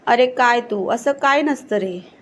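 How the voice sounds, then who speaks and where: Woman reading as a nervous college guy, uneasy, questioning, slightly high voice, storybook reading. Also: a little slow, a little hiss or hum, natural voice. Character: nervous young male college student.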